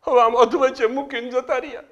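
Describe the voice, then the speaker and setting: A man's voice: very high voice, little pitch movement, quick pace, fairly bright tone, dull audio, pitched above the performer's own voice. A man playing a young sobbing widow. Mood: wailing complaint. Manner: sobbing, complaining plaintively. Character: young widowed woman, wailing at her husband's mourning.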